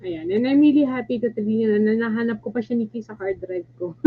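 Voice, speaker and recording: A woman's voice: on the high side, brisk. A woman with a Filipino accent hosting a casual online interview, hesitant with many fillers and restarts. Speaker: host, coach. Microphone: video call. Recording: dull lo-fi call audio with faint hum.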